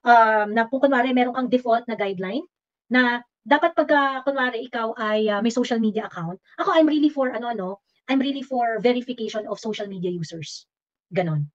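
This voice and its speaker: A livestream host with a Filipino accent talks a little fast in a voice on the high side, mixing English into her speech. She's casual yet combative and teasing, and the audio is slightly dull and lo-fi.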